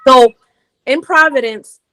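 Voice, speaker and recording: A woman in her forties from Rhode Island talks through her story as an interview guest, with a slightly high voice. She is lively and chatty and laughs easily as she goes. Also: slow pace. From Rhode Island, United States. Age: 40s. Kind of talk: casual interview chat.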